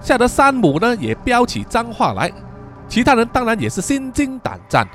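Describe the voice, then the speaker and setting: A male storyteller from Southeast Asia with a high, very animated voice, spinning a suspenseful horror tale. His pitch swings widely for drama. Soft music plays beneath him. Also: moderate pace. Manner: suspenseful, expressive.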